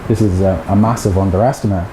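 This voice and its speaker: A middle-aged Irish lecturer with a low voice speaks fast in a steady tone, giving a chatty seminar talk and joking with the audience. He's in a projector-equipped seminar room, and the audio is echoey with background noise.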